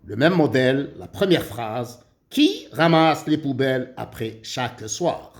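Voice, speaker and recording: A man's voice: mid-range voice, big pitch swings, a little slow. A man teaching a primary school grammar lesson, reading questions aloud and explaining each step patiently. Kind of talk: slow, deliberate grammar lesson.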